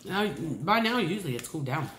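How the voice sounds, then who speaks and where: A middle-aged woman talks casually to the camera while chewing, with mumbled pauses between mouthfuls. Her pitch moves around in a lively way. The room adds noticeable echo, with faint noise behind her. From Ohio, United States. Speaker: eating-show host. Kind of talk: casual chat to camera during a meal. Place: indoor room at a table. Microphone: camera across the table.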